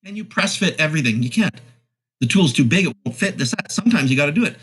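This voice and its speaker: A man in his forties, a plumbing contractor, telling animated stories on a podcast and acting out both sides of each conversation. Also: on the high side, quick pace, slightly rough. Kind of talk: casual podcast chat.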